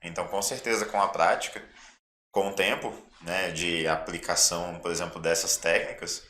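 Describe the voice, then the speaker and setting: Deep, bright-voiced Brazilian man. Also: steady tone, normal speed, echoey room, slight background noise. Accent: Brazilian Portuguese. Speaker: nutritionist podcast co-host. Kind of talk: casual podcast discussion.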